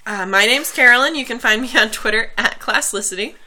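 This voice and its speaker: A woman's voice: a little high, brisk, sharp tone, a little hiss or hum. A hungover, tired woman co-hosting a podcast in casual chat, fading as she talks. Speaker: hockey podcast co-host.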